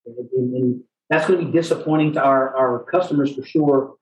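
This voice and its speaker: Man, mid-pitched voice, utility executive speaking in front of an audience, halting, repeats words, echoey room, faint noise. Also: steady tone, lo-fi sound. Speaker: utility company executive giving a presentation. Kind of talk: public presentation in front of an audience, spoken off the cuff.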